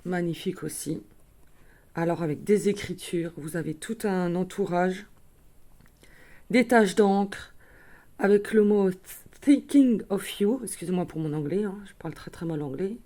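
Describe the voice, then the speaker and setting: A woman with a fairly low, dark-toned voice talks at a moderate pace, leaving long pauses. She casually shows viewers her craft purchases in a chatty show-and-tell, full of fillers and small self-corrections.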